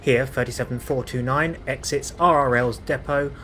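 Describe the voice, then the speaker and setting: A man reading scripted documentary narration in a measured way, spelling out numbers and initials precisely. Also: medium pitch, fairly even intonation, a bit bright, soft background music. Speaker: video narrator.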